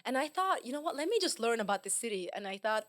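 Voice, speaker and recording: A woman, a podcast guest who tells anecdotes in a lively way and often laughs. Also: fairly high pitch, fast talker, no room sound. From England. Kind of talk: casual podcast interview.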